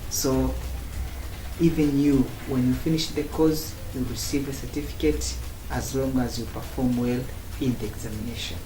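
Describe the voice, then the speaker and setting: A man from Tanzania, giving a student testimonial in slow, halting phrases broken into short chunks. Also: mid-range voice, steady tone. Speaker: former student giving a review. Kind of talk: spoken testimonial. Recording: roomy echo, faint background noise.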